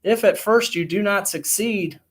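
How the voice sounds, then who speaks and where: A man's voice: high voice, unhurried, slightly rough. Upbeat man hosting school trivia. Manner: upbeat, announcing. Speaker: trivia host.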